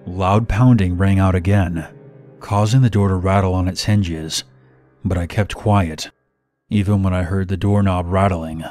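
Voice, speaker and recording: A man narrating a horror story in steady first person, scripted. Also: deep voice, unhurried. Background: faint music.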